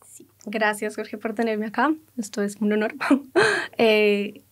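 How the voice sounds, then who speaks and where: Lively Colombian woman telling her story. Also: medium pitch, slow. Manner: lively, laughing, acts out quoted dialogue. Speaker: guest. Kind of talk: casual storytelling interview.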